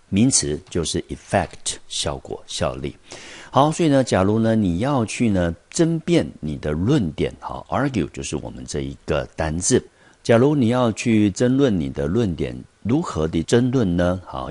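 A man teaching an English vocabulary lesson, explaining patiently and pausing on small fillers. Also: low voice, darkish tone, no room sound. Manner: patient explaining, drawn-out pauses on "呢" and "好".

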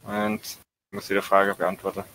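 Bright-voiced man calling out letters. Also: deep voice, big pitch swings, a little fast, creaky, poor audio. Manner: calls out numbers and letters in bursts, swears under stress. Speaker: let's play host. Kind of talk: casual gameplay chat.

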